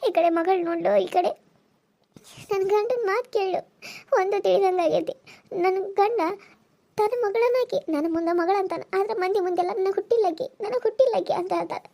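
A wronged young village wife from a cartoon serial, voiced by a woman, pleading in a very high, quick voice. She speaks with a North Karnataka Kannada accent and sounds aggrieved and close to tears. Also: gravelly, mellow. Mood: tearful.

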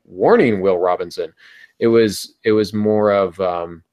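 A middle-aged podcast host leads a panel talk on writing advice, explaining conversationally and posing rhetorical questions. His fairly low voice is a little mellow, with fairly even intonation and a measured pace. He's indoors in a small room at home, heard through an earbud headset on a video call.

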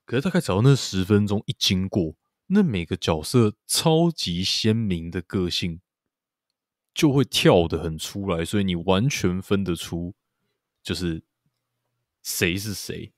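Deep-voiced man chatting loosely. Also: lively intonation, a little slow, no echo, studio quality. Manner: loose, rambling, many fillers and repeated agreement. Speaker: podcast co-host. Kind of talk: casual chat about a TV series.

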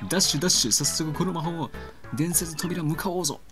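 A man's voice: fairly high pitch, a little fast, music in the background, pitched above the performer's own voice, lightly acted. A man voicing a pompous old male scholar who talks in a stiff, archaic way like a samurai lord. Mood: urgent.

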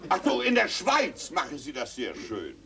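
A man's voice: on the high side, wildly swooping pitch, normal speed, a crowd in the background, exaggerated voice. A man voicing a pompous, evasive father in a comic stage reading. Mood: blustering. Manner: gruff, evasive, long-winded. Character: blustering pompous middle-aged father.

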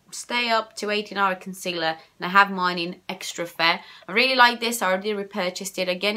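A woman's voice: mid-range voice, bright, forceful tone. A young woman from Romania with a Romanian accent, chatting casually through a beauty product review at home, rambling and repeating herself. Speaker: beauty vlogger. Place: home room with shelves of cosmetics.

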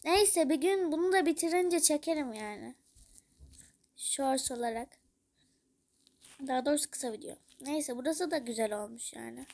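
High-voiced chatty woman gamer. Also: normal speed, long pauses, darkish tone. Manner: chatty, gushing over game items, talks to her character. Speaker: gaming YouTuber. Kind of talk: casual gameplay commentary.

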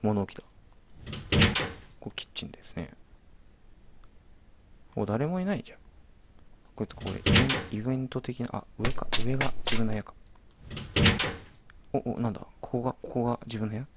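A man's voice: mid-range voice, moderate pace, pauses often, heavy background noise. A man commentating a horror game as he plays, jumpy, alternately exclaiming and muttering to himself. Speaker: let's play commentator.

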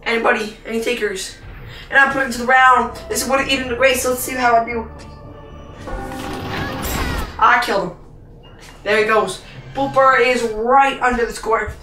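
A woman's voice: fairly high pitch, steady tone, normal speed, long pauses, reverberant, distant mic, over music. A woman hosting a gaming channel, giving playful, rambling commentary on a VR game and playing announcer for herself.

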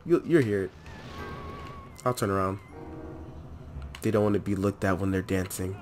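A young man giving chatty, excitable gameplay commentary and talking to the characters on screen. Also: low voice, normal speed, soft background music. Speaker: let's play host.

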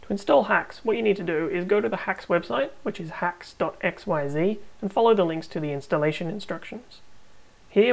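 A woman hosting a tech tutorial, narrating a screen recording with calm, step-by-step instructions. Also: fairly low pitch, creaky, rough recording.

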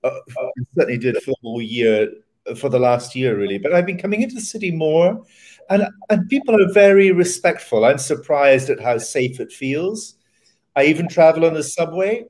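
An older man talking on a video call from a room at home, relaxed, wry and reflective as a theatre director being interviewed. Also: a little high, moderate pace. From Scotland. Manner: wry, reflective, chuckles at himself. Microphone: webcam on video call.

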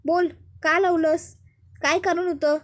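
Brief: angry demanding matriarch, voiced by a woman storyteller, sharp, high. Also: fairly even intonation, a little slow. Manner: sharp, interrogating.

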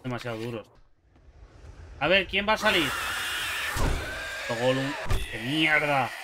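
A young man giving jokey, excitable commentary while playing a survival game, yelping at sudden scares. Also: fairly high pitch, takes it slowly, background noise. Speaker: gaming YouTuber. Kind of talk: gameplay commentary.

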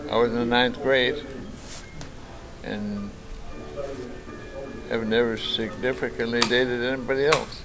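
A man in his nineties, born in Japan, telling stories in a halting, rambling way with many fillers and restarts, recorded by a camera across a table in a large lounge. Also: mid-range voice, little pitch movement, music in the background, poor audio. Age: 90s. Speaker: interviewee. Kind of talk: casual storytelling. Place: large bright lounge, indoors.

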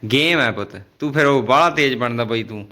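A man's voice: mid-range voice, brisk, bright, forceful tone. A man hosting a casual family vlog, calling out items in a game and coaxing the children with repeated phrases. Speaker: vlogger running a family game.

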